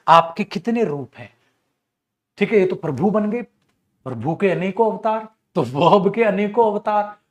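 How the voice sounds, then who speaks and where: Jokey Indian grammar teacher, fairly high. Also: male voice, a little slow. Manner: lively, jokey, addresses students as beta, acts out student voices. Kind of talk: online classroom lecture.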